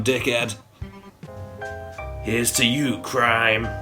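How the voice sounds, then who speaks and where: A man doing stand-up in a dry, deadpan voice, his pitch sitting in the middle. He delivers absurd jokes flatly and tosses in the occasional swear. Faint guitar music plays behind him. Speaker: stand-up comedian.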